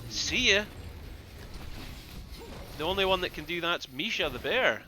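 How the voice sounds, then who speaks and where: A man giving excitable live play-by-play commentary on an esports match, with bursts of loud exclamations. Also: high voice, a little slow. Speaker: esports caster.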